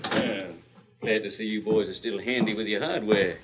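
A man's voice: fairly low pitch, fairly even intonation, normal speed, noisy background, close to an everyday voice. An actor playing a sly, eager outlaw errand man in an old-time western drama, talking in folksy cowboy fashion. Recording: dull lo-fi vintage recording.

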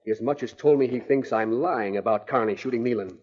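A man's voice: medium pitch, fairly quick, a little mellow, long reverb tail, natural voice. A man playing a hot-tempered scheming outlaw, blustering and harsh, in an old radio drama recording. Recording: muffled old radio transcription.

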